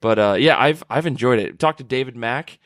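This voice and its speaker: A man's voice: mid-range voice, brisk, dry recording, studio quality. Laughing, swearing podcast guy. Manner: animated storyteller, swears, laughs often. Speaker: podcast co-host. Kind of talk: casual chat. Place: comic convention, recorded on site.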